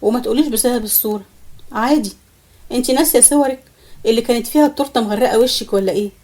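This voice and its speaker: A woman's voice: on the high side, racing, darkish tone, close to an everyday voice. A woman with an Egyptian accent voicing an elderly grandmother who teases bluntly and affectionately. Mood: teasing. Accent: Egyptian Arabic. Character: elderly grandmother, teasing and wise.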